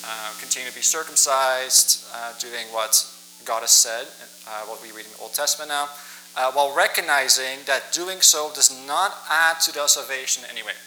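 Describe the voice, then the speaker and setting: A young man born in the Netherlands, a native Dutch speaker who moved to western Canada at ten, works on a college staff and gives a plainspoken, informal sermon as a guest preacher, opening with a personal introduction. His medium-pitched voice has a sharp tone at normal speed, picked up by a church microphone in a rough recording with slight background noise.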